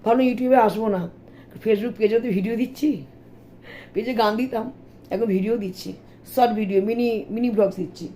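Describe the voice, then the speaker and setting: Woman, middle-aged, hoarse, warm tone, casual home vlog, faint noise. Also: a little high, fairly even intonation, normal speed. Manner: chatty, complaining, addresses viewers directly. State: hoarse sore throat. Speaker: vlogger. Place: home, indoors.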